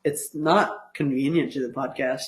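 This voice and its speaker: A man's voice: mid-range voice, fairly even intonation, moderate pace, roomy sound, rough recording. A teenage boy co-hosting a podcast, chatting casually and teasing his friend, with lots of "um" and "like". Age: teens. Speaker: podcast co-host. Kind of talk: casual chat.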